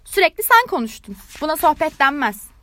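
A conceited firework rocket from a storybook, as a woman reading the tale puts it on, high and loud with wounded pride. Every line comes out haughty and indignant, as if no one gives him his due. The voice is close and dry. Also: very animated, normal speed, dry recording. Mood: huffy. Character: conceited, touchy firework rocket, pompous and self-important.

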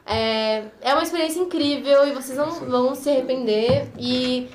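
A woman's voice: sits high, moderate pace. A young woman, chatting casually and encouragingly as a podcast guest. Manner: chatty, encouraging, uses filler words. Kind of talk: casual chat. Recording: roomy studio echo with faint noise.

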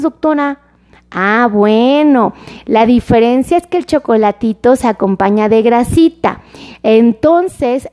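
A Mexican woman doctor talks to her livestream audience in a high, bright register. She is chatty and uses lots of diminutives. She explains things plainly and keeps asking viewers to reply. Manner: warm, chatty, fond of diminutives, asks viewers for replies. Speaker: doctor giving health advice on a livestream. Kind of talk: casual livestream talk, reading viewer comments.

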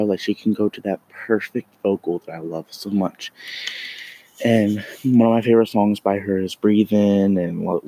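A man's voice: fairly low pitch, warm tone, low-quality recording. A man chatting casually and enthusiastically to camera outdoors, rambling and repeating himself as he talks. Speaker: vlogger. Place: outdoors in the cold, street traffic nearby.

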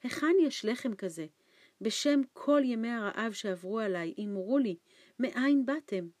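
A woman reading an audiobook, voicing a frightened, starving old man who talks in anxious, hushed pleas. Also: expressive, no echo, clean studio sound, close to an everyday voice. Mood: fearful. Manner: anxious hushed pleading, raised pitch. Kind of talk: audiobook character voice.

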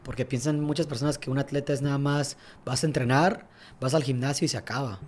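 A young tennis coach, guesting on an informal podcast, recounts his story at a fast, reflective clip with frequent "¿sabes?". His mid-range voice is a little mellow with fairly even intonation, and a slight hiss or hum is audible.

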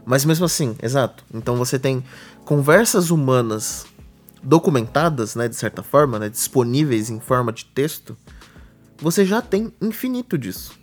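A man's voice: mid-range voice, animated, normal speed, faint music behind. A man with a Brazilian Portuguese accent, co-hosting a podcast and patiently explaining ideas with everyday examples. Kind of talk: casual explanatory chat.

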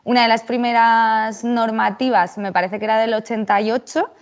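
A woman's voice: fairly high pitch, steady tone, moderate pace. A woman with a Spain Spanish accent speaks as a guest researcher on a panel. She lays out points through examples and keeps checking in with short tag questions. The recording is dull and lo-fi. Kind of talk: explanatory panel talk.

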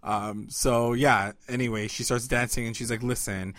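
A man's voice: mid-range voice, steady tone, a bit bright, dry recording, studio quality. A man casually recapping a TV episode with a co-host, loose and chatty with lots of "like". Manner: laid-back, heavy use of "like", quick laughs.

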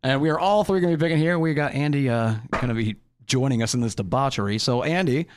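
A man's voice: medium pitch, fast talker, no room sound, clean studio sound. A man co-hosting a podcast in a casual, jokey chat, laughing often. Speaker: podcast co-host.

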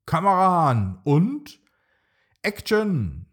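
A man voicing a small, eager boy dinosaur in a bedtime storybook, with an excited, pleading childlike voice. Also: medium pitch, takes it slowly. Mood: cheerful.

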